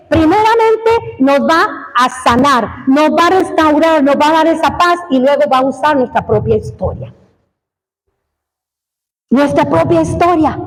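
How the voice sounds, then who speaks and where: A woman's voice: sits high, long reverb tail, poor audio. A woman preacher delivering an emphatic sermon, repeating phrases and acting out stories.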